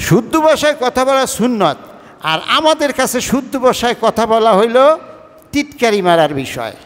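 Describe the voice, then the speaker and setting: High-voiced preacher quizzing his congregation. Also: very animated, moderate pace, long reverb tail. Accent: Bangladeshi Bengali, Barishal. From Barishal-Patuakhali region of Bangladesh. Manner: conversational, quizzes the congregation with questions; mixes colloquial and formal speech. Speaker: imam preaching. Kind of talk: Friday sermon.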